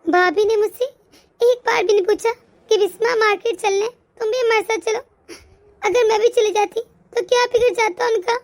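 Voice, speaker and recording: A woman voicing a humble, poor woman from a village, meek and soft-spoken. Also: very high voice, steady tone, normal speed. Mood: sad. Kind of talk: cartoon voice acting.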